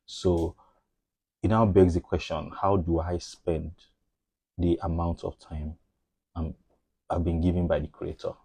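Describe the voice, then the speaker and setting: Deep-voiced man, reflective radio guest. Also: little pitch movement, measured pace, vocal fry, pauses often, warm tone, slightly rough, no room sound. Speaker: guest, medical doctor. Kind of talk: radio talk show chat.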